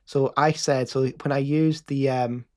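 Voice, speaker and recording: A man's voice: medium pitch, steady tone, a little slow. A man with a Scottish accent casually explaining a live coding session as host, with frequent fillers and restarts.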